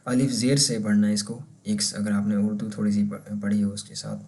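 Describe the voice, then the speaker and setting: A man's voice: lowish voice, level tone, creaky, a little mellow. Man teaching German pronunciation, Urdu-accented. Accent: Pakistani Urdu. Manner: patient, repeats words slowly to model pronunciation. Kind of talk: casual explanatory lesson.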